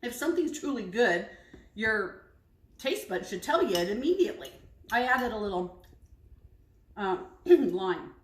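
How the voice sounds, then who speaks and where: A woman's voice: medium pitch, sing-song, measured pace, long pauses. Chatty woman in an echoey kitchen. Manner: chatty, frank, hesitant asides. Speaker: cooking vlogger taste-testing recipes. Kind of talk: casual kitchen vlog. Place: home kitchen. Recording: echoey kitchen, clinking dishes.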